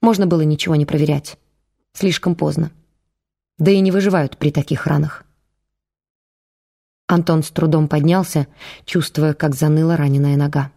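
Low, mellow-voiced female audiobook narrator. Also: fairly even intonation, gravelly. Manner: measured, dramatic storytelling.

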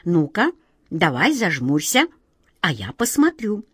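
A woman reading a storybook and voicing a kindly, sly auntie who talks slowly and coaxingly. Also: on the low side, wildly swooping pitch, husky, dry recording, studio quality, heavily acted. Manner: slow, drawn-out, fond coaxing tone.

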